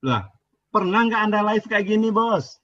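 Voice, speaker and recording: A man's voice: high-pitched, expressive, moderate pace, fairly bright tone, no room sound, highs cut off. A man arguing in a heated live debate over a video call. He is insistent, repeats himself and demands to be heard.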